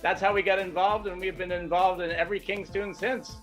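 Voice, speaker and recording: A man's voice: high-pitched, little pitch movement, fairly quick, fairly bright tone, low-quality recording. A man speaking casually and a bit hesitantly as a sponsor guest on a video call. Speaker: sponsor representative, interview guest. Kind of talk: casual remote interview. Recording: music behind the voice. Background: music.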